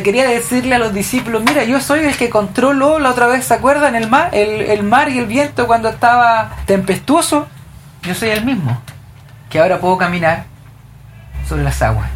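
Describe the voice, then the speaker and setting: A woman's voice: fairly high pitch, slight background noise. A woman leading a group Bible study, explaining scripture and asking the group questions. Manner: asks the group questions, reads verses aloud.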